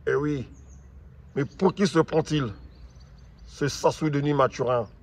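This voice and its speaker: A man from Congo-Brazzaville delivers angry political commentary as host, speaking slowly and deliberately in a fairly high voice. He keeps saying that he is angry, and his voice swells into loud outbursts.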